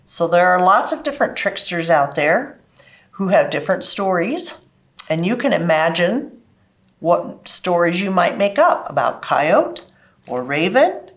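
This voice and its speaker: A woman's voice: on the low side, sing-song, measured pace. A woman hosting a children's library program, explaining stories and crafts to kids in simple step-by-step terms. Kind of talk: children's craft lesson and storytime talk.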